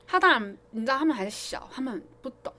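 A woman's voice: high-pitched, quick pace, slight background noise. A woman piano teacher, chatting casually on a podcast and telling stories with lots of laughter. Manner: animated storytelling, laughs often.

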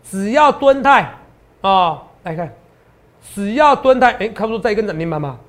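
Hoarse, boastful man talking fast and high. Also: lively intonation, a bit bright. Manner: boastful, emphatic, rhetorical questions. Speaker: stock market analyst host. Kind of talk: promotional market commentary.

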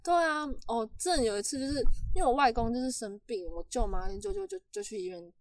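A woman telling a story in casual chat, animated and laughing often. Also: fairly high pitch, fast talker. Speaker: podcast host telling a story.

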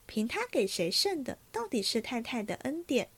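A woman voicing an eager, cheerful young maid who talks in a lively, pleading way. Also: a little high, normal speed, husky, no echo, full character voice.

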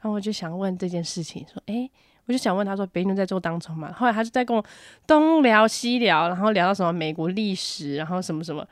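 A woman co-hosting a podcast, telling a story in casual chat, acting out her own panic in high squeals. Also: rapid-fire, dry recording, clean studio sound. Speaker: podcast co-host.

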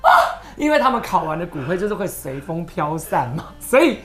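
Fast, lively low-voiced woman. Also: loud music behind the voice. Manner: emotional, tearful at moments, animated storytelling. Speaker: guest. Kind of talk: storytelling interview.

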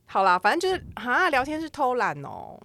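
A woman's voice: on the high side, very animated, a little fast, fairly bright tone. A woman in her thirties with a Taiwanese accent, chatting casually and emphatically as a podcast co-host. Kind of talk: casual chat.

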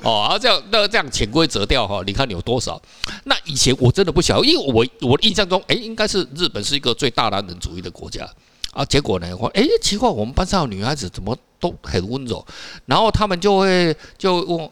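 Taiwanese man, casual co-host, bright quick delivery, lively, salty storyteller. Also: mid-range voice. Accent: Taiwanese Mandarin. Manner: animated storyteller, laughs often, frequent "哈" and "哦" particles; rough-talking, swears casually. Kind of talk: casual podcast chat.

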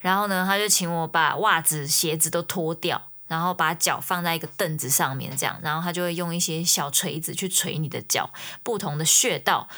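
A woman casually telling a personal story, trailing her phrases with soft fillers. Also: fairly low pitch. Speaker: singer-songwriter.

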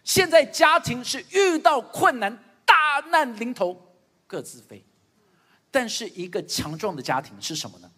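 A man's voice: very high-pitched, a little slow, big-room sound. A middle-aged male pastor giving a sermon, telling stories about his family and acting out what each person says. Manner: animated storytelling, acting out family dialogue. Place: church stage.

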